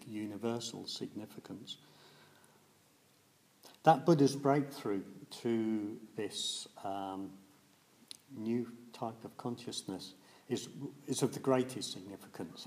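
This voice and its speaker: A man's voice: on the low side, darkish tone. A man giving a reflective Buddhist dharma talk, hesitant and thoughtful, with many fillers. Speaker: Buddhist teacher.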